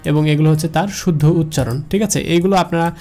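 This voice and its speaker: Racing along at a fairly high pitch, the Bengali-accented teacher from Bangladesh repeats each pronunciation rule from his slides and questions the listener. His tone is a little mellow.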